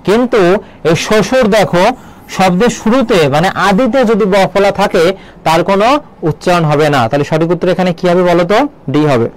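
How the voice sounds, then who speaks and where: A man teaching an online admission-test prep lesson, explaining step by step and firing quick questions at his students. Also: high-pitched, low-quality recording.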